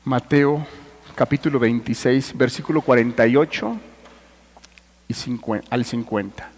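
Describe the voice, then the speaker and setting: A man preaching a sermon as pastor, swinging between hushed and forceful delivery and addressing listeners directly. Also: medium pitch, a little slow, long reverb tail. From Mexico. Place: church.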